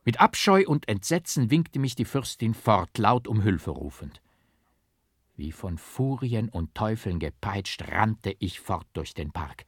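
Low-voiced man narrating a dramatic story. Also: a little slow, breathy edge, no room sound, studio quality. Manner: dramatic, expressive reading. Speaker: audiobook narrator. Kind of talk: first-person literary narration.

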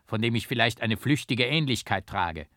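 A man's voice: mid-range voice, animated, unhurried, fairly bright tone, no room sound. A man voicing an accused man who protests his innocence in an agitated, emphatic way, recorded dry. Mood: defiant. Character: accused man, proud and desperate.

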